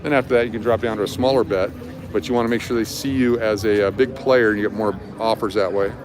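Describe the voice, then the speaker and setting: Speaking fast in a fairly low, steady voice, a livestream host leads a nighttime walking tour outdoors. The recording is loud with city traffic, and his explanations are casual and informal.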